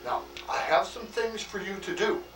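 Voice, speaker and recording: A man performs a hearty, grandfatherly Santa Claus who chuckles and muses aloud with plenty of "oh" and "why". The voice sits somewhat high for a man and is heard from a distance in an echoey room. Faint music plays underneath. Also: lively intonation. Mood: jolly. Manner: chuckling often, slow homely delivery with many "oh" and "why". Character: jolly old Santa Claus, hearty and fatherly. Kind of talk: acted monologue for a personalized greeting video.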